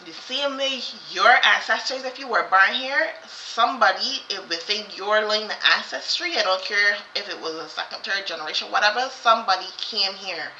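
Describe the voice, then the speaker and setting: A woman co-hosting a casual chat rambles and repeats herself, with plenty of fillers and restarts. Her mid-range voice comes at a normal speed with few pauses and sounds pushed and bright. The recording is roomy and slightly dull, with slight background noise.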